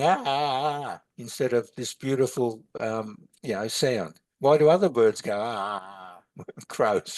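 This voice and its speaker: A man's voice: medium pitch, a little mellow, no echo. A man, teaching in a podcast chat, rambling with many halts and restarts. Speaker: meditation and philosophy teacher.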